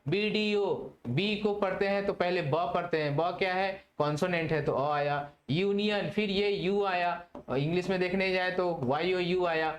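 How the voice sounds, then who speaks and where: High-voiced male grammar teacher in echoey room. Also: normal speed, few pauses. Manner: asks questions and answers them himself, mixes Hindi and English. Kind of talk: explanatory video lesson. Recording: roomy echo, faint background hiss.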